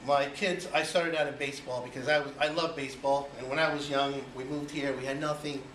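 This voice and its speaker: Speaking a little fast, a man from Cuba in his forties addresses an audience with a personal icebreaker, his medium-pitched voice level and fairly bright. He's casual and talkative, full of "you know"s and rhetorical questions. Noise and room echo surround his distant voice.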